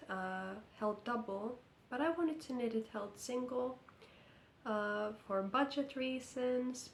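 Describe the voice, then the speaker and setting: A Finnish knitting vlogger, croaky from illness, eases through a casual update in English, slow and careful with some hesitation. Her voice is mid-range, and the reverberant lamp-lit room carries slight background noise.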